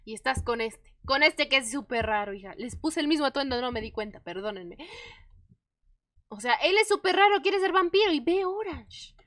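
A woman's voice: high voice, moderate pace, no echo, studio quality. A woman giving casual, dramatic and jokey commentary while playing a life-simulation video game. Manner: animated, dramatic, jokey, playful outbursts. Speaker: gaming youtuber. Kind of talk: casual let's-play commentary.

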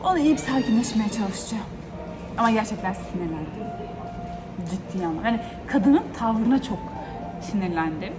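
A woman vlogging casually to a handheld camera, ranting in an animated, exasperated way while she walks around a small shop. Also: mid-range voice, normal speed. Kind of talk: casual vlog talk to camera. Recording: noisy ambient background.

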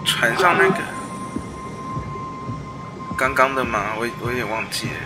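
A man with a Taiwanese Mandarin accent giving casual let's-play commentary, muttering to himself and haltingly reading text aloud. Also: medium pitch, expressive. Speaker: game streamer. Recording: game music behind the voice. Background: video game music and sounds.

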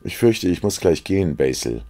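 A man's voice: deep voice, big pitch swings, normal speed, mellow, pitched above the performer's own voice. A man reading aloud as a witty, cynical young aristocrat who talks in mocking epigrams. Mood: amused, teasing.

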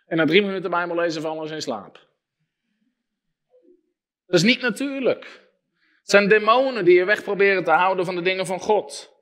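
A man preaching a sermon, emphatic, with sharp rises and drops in his voice. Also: sits high. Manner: emphatic, rising and dropping sharply for effect.

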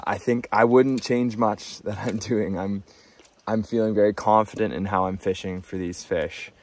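Low-voiced young man fishing from a canoe. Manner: easygoing, laughs often, excited exclamations when fish bite. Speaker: angler vlogger. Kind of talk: casual outdoor vlog narration. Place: canoe on an open lake outdoors.

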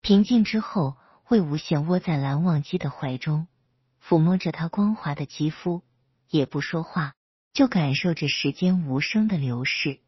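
A woman storyteller reads a romance story aloud in a soft, steady manner. Her low voice is very husky and breathy. The recording is dry and dull, with a lo-fi sound. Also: normal speed, no room sound. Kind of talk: reading romance fan fiction aloud.

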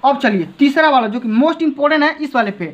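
High-pitched male tutor, coaxing desk-side lesson, muffled phone sound. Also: normal speed. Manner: coaxing, keeps repeating check-in tags. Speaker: exam-prep teacher. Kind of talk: tutorial explaining to students. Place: desk seen from above, indoors. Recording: dull lo-fi phone recording.

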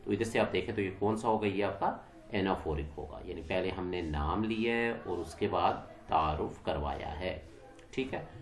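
A man's voice: low voice, roomy sound. A man teaching an exam-prep English lesson, mixing English terms into his explanations and asking and answering his own questions.

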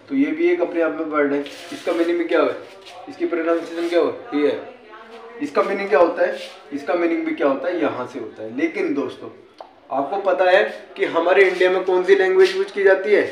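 A man with an Indian accent explaining English words like a teacher, often asking a question and answering it himself. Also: on the high side. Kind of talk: casual classroom-style explanation. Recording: echoey room.

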